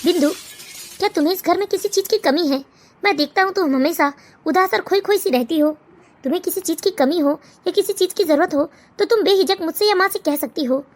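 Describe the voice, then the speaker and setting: A woman voicing a gentle, caring young husband in a cartoon, speaking softly and reassuringly. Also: very high-pitched, fairly quick. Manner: soft, reassuring. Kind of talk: Hindi cartoon voice acting.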